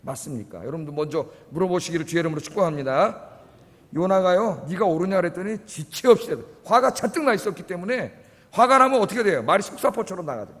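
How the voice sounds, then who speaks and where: A man's voice: high-pitched, animated, fast talker, fairly bright tone. A male pastor preaching a Korean-language sermon, emphatic and dramatic, acting out quoted dialogue with rising intensity. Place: church sanctuary. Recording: long reverb of a church hall.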